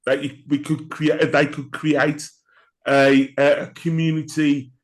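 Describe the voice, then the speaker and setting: A man co-hosting a podcast, hoarse from the flu, speaking in a halting, reflective way. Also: fairly high pitch, flat delivery. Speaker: podcast co-host. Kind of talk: casual podcast chat.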